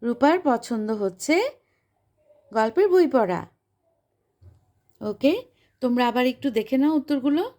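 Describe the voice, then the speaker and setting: A woman's voice: high-pitched, expressive, measured pace, pauses often, warm tone. A woman with a Bangladeshi accent, an English teacher explaining a lesson and repeating each English line in Bengali.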